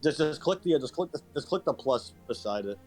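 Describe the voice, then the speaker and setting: A man's voice: fairly high pitch, animated, brisk, darkish tone, soft background music. A man narrating a tabletop game as game master over an online call, hesitant and restarting his sentences often.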